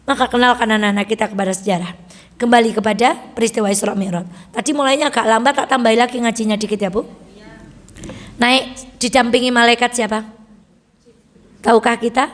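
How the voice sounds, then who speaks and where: A woman religious teacher with a Javanese accent, telling stories and asking her audience questions in a lively study talk. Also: a little high, brisk, long pauses, big-room sound. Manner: animated storytelling, asks the audience questions.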